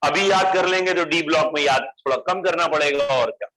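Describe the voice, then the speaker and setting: A man's voice: a little high, a little fast, poor audio. A man teaching chemistry in a classroom lecture, calling his students "beta", coaxing answers out of them and slipping English phrases with an Indian English accent into the talk.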